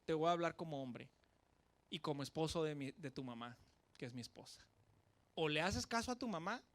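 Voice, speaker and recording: A man voicing a stern middle-aged father with a Mexican accent, giving a firm, measured warning to his son. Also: a little high, fairly bright tone, lightly acted.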